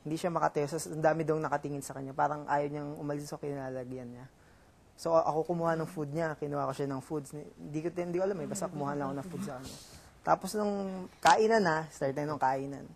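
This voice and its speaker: A young man with a Filipino accent telling a story in casual chat, halting with many fillers and restarts. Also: a little high, steady tone, gravelly. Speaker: reality show housemate.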